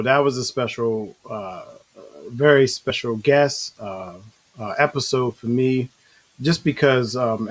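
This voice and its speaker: A man hosting a casual interview show, speaking in halting, circling phrases with frequent pauses. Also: medium pitch, fairly bright tone, poor audio. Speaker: show host.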